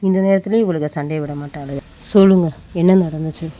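A woman's voice: deep voice, fast talker, mellow, slight background noise, lightly acted. An actress playing a practical, anxious mother who scolds her daughters and steadies her husband. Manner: scolding, then steadying and supportive.

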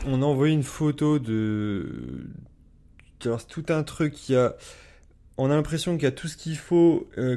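A man's voice: mid-range voice, a little mellow. A man giving casual let's play commentary, informal and hesitant as he thinks aloud. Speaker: let's player.

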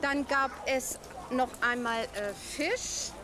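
An older woman recounting a long meal, halting and searching for words. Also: sits high, noisy background. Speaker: passerby recounting a dinner.

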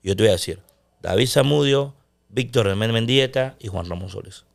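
A middle-aged man, a sports commentator talking loudly and intensely in a casual interview. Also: mid-range voice, normal speed, creaky. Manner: loud, intense delivery.

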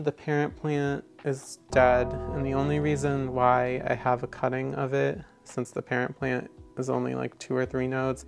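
A man in his twenties with a mid-range voice and some vocal fry gives a casual tour of his houseplants, adding wry, playfully dramatic asides. He's a houseplant vlogger talking indoors at home beside an open window, and trucks rumbling past can be heard in the background.

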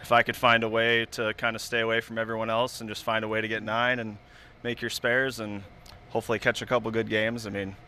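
A man's voice: on the low side, flat delivery, quick pace, sharp tone, a little hiss or hum. A man who has just won a bowling tournament, talking about it in a modest, easygoing way. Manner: modest, easygoing, many "I mean"s. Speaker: tournament champion bowler. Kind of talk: casual post-match interview.

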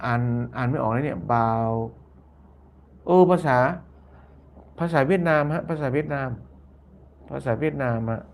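A man's voice: fairly high pitch, moderate pace, long pauses. A man hosting a casual live-stream commentary, reading viewer comments aloud, often repeating phrases and tagging lines with polite particles. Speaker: YouTube channel host.

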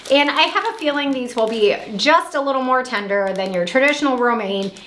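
A woman in her thirties from Indiana, chatting upbeat at home through a grocery haul vlog, with quick asides. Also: high voice, fairly bright tone, reverberant. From Indiana, USA. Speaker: vlogger. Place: small room at home.

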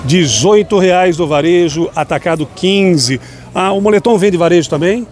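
Faint music plays behind a man with a high, slightly mellow voice who speaks at a moderate pace. He's an upbeat, chatty vlogger touring a busy outdoor night market on a city street, talking with vendors, filming on a handheld phone, and repeatedly addressing viewers as "gente."

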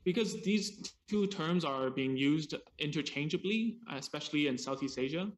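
A man's voice: fairly high pitch, expressive, unhurried, a little hiss or hum. Man explaining in short chunks over a video call. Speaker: speech therapist presenter. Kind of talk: seminar talk paused for interpretation.

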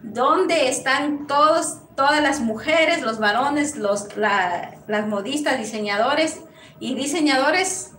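A woman's voice: high-pitched, takes it slowly. A woman from Ecuador with an Ecuadorian Spanish accent, teaching a live sewing lesson in a small workshop and often checking in with "¿sí?" between blessings. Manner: warm blessings and greetings, frequent "¿sí?" check-ins. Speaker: sewing instructor. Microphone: lapel mic on a camera set back. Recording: echoey room, distant mic, noisy.

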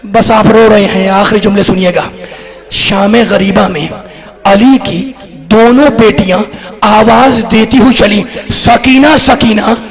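A man giving an impassioned mourning sermon to a congregation. He tells the story dramatically and climbs into tearful, wailing shouts. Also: high-pitched, fairly even intonation, a little slow. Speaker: cleric reciting a mourning sermon. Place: large mourning hall with a gathered congregation. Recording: live hall recording with crowd.

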